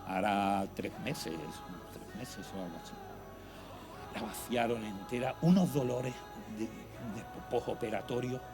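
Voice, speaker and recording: A middle-aged man speaks at an ordinary mid pitch, telling his own faith story in an earnest, conversational way. He pauses to reflect as he goes. Music plays clearly beneath his voice. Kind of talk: personal testimony talk. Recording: music playing behind the voice.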